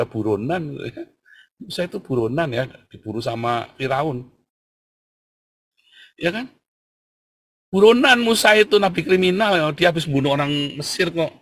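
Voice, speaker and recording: Man, sermon, fervent, husky, middle pitch, quiet murmurs to loud bursts. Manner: fervent, swings from low murmurs to loud excited bursts, addresses listeners as saudara. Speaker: pastor.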